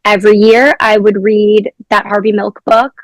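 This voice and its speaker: A woman's voice: medium pitch, flat delivery, moderate pace, no room sound. A young adult woman, a former teacher, telling stories from her classroom in a casual interview.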